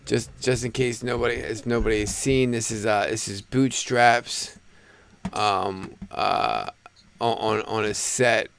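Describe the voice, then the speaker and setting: A man from the United States hosting a live stream, talking in a relaxed, halting, rambling way about the news. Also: on the low side, vocal fry. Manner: laid-back, halting and rambling. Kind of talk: casual political chat.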